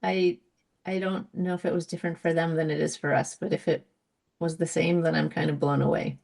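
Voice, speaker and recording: A middle-aged woman guest in a casual conversation, talking in a reflective, gentle way with many pauses and fillers. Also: low voice, little pitch movement, gravelly.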